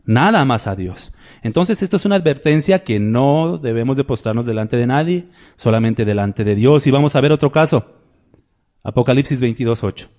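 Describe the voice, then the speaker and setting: A man's voice: mid-range voice, expressive, normal speed, darkish tone. A man preaching a sermon. He reads scripture, retells the scenes by acting out their voices, and keeps asking rhetorical tag questions.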